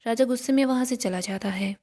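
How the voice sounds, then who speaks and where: A woman with a somewhat high voice retells a family TV serial as a spoken story. She reads every character's lines in her own plain voice instead of acting them out. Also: fast, dark tone. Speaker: serial recap narrator.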